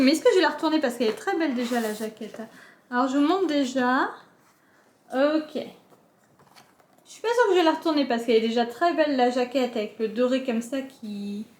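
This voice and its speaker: High-voiced woman chatting casually. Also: roomy sound. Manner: chatty, many fillers and self-corrections. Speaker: book vlogger. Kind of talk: casual unboxing chat.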